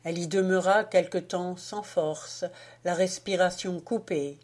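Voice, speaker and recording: A woman reading a literary audiobook in a measured, expressive way. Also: fairly low pitch. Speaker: audiobook reader.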